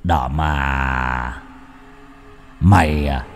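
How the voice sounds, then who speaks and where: Vengeful ghost, old man, voiced by a male reader, slow, menacing, drawn-out, storybook. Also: a bass voice, in a large hall, faint music behind, pitched below the performer's own voice, exaggerated voice. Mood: gloating.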